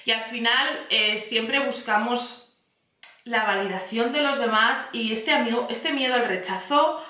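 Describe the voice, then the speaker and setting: A woman's voice: fairly high pitch, pushed and bright. A woman podcast host giving a candid, confiding motivational talk. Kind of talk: motivational self-help talk. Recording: echoey room.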